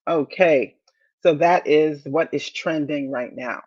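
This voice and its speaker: Motivational host, woman in her fifties; slow and deliberate, repeats her points, slightly dull lo-fi recording. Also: low voice, darkish tone, slightly rough. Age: 50s. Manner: deliberate, repeats key phrases, encouraging. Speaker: podcast host. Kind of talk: motivational podcast talk.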